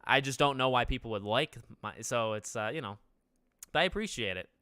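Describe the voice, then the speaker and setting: This gaming YouTuber, a young man with a nasal voice of medium pitch, streams casually from a living room where a couch sits behind him. His delivery is a little fast, bright, forceful, clear and resonant as he chats, rambles, restarts and throws questions to his chat. The recording is dry and clean, like a studio.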